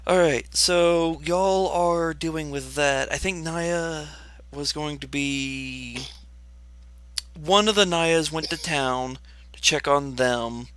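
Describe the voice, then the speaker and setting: A man running a tabletop game as game master, unhurried, checking his notes and laughing easily. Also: fairly high pitch, fairly bright tone, smooth.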